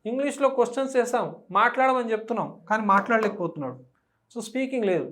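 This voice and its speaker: Exam-prep teacher, step-by-step explainer, reads English questions out slowly, keeps asking the class. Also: medium pitch, a bit bright.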